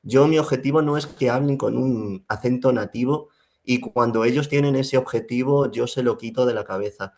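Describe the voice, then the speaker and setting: A young man talks it over in an interview. His gravelly voice sits at a middle pitch. He thinks aloud and often restarts his sentences. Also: normal speed, a little mellow. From Spain. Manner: reflective, many fillers and restarts. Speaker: Spanish teacher, guest. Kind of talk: casual interview talk.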